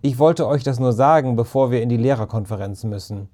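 A man voicing a proud, kindly female schoolteacher who speaks eagerly and warmly. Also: medium pitch, fairly quick, close to an everyday voice.

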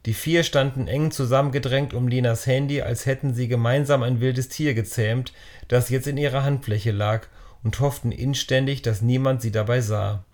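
A man narrating a children's novel as an audiobook, reading in a steady, descriptive storytelling manner. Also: medium pitch, moderate pace.

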